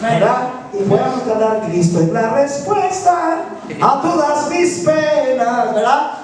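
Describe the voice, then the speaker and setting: A man's voice: very high-pitched, unhurried. A man preaching a sermon as pastor, often turning to the congregation to ask if they follow him. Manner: keeps asking the congregation "right?". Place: church hall. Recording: very echoey, mic far off.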